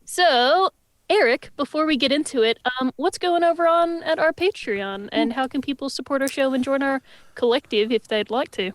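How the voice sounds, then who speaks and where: A woman's voice: sits high, moderate pace, no echo. A woman co-hosting a live-streamed podcast, making upbeat announcements full of puns. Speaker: podcast co-host.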